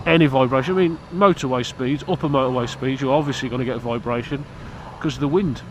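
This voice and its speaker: Talking fast at a medium pitch, a British motorcycle vlogger gives a casual, blunt, cheeky and rambling chat to camera about his motorbike. He's outside and stuffed up from hay fever, and there's slight background noise.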